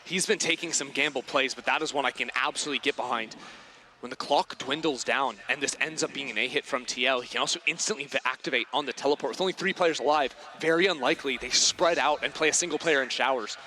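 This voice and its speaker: A man working as an esports caster, giving animated, emphatic analysis of the match. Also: medium pitch, fast, low-quality recording. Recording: clear background noise.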